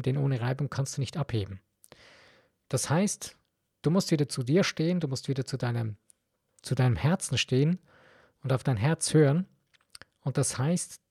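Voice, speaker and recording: A man's voice: fairly high pitch, dark tone, slightly rough, no room sound, studio quality. A man with a German accent hosting a podcast, talking earnestly to the listener in a self-help monologue, often restarting his sentences. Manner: earnest, addresses the listener directly, frequent restarts. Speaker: podcast host.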